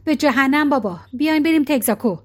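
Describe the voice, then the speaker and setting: A woman's voice: sits high, close to an everyday voice. A woman reading a storybook voicing an impatient middle-aged husband who keeps asking pointed questions. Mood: exasperated.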